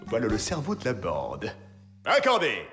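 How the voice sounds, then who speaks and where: A sarcastic cartoon genie. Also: male voice, mid-range voice, moderate pace. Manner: sarcastic, deadpan. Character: sly wish-granting male genie, dry and mocking. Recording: cartoon dub with loud music.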